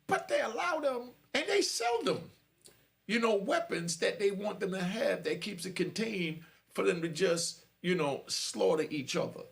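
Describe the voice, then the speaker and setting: A man's voice: high-pitched, animated, a little slow, gravelly. A man in his fifties, a former prisoner, talking straight to camera and preaching warnings to young listeners. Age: 50s. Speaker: prison storyteller. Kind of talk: direct-to-camera monologue.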